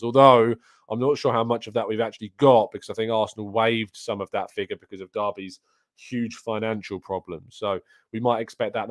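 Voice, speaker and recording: A man's voice: fairly low pitch, dry recording. A British man hosting a live football talk show, chatting casually and with opinions as he reads and answers viewer comments, close on a studio microphone. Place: soundproofed home studio setup. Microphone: close studio microphone on an arm with pop filter.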